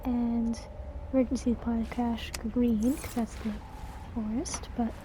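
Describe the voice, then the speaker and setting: In a level, slightly high voice, a woman slowly talks through a video game walkthrough, giving informal step-by-step commentary and instructions, with game sound and background noise in the background.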